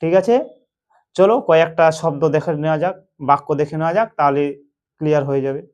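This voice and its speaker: A man teaching English pronunciation in a slow lesson, with a Bengali accent, repeating himself and asking and answering his own questions. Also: on the high side, a little mellow.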